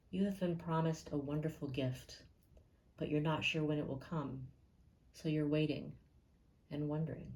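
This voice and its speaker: Guiding a meditation, this low-pitched woman speaks calmly and gently without hurry, pausing between phrases. The recording is rough.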